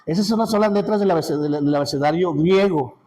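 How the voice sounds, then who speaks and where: A man with a Mexican Spanish accent teaching a Sunday school class in a casual, halting way, full of restarts and check-ins with his listeners. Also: a little high, warm tone, rough recording.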